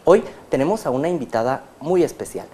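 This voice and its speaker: A man's voice: fairly high pitch, very animated, fairly quick, mellow, slight background noise. A man hosting a religious TV interview, formal and welcoming in how he talks. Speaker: TV program host.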